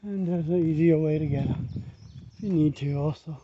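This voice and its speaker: A man's voice: fairly high pitch, normal speed, highs cut off, background noise. A man narrating casually while hiking an open field trail outdoors, out of breath and rambling as he walks. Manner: chatty, rambling with restarts. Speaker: hiking vlogger.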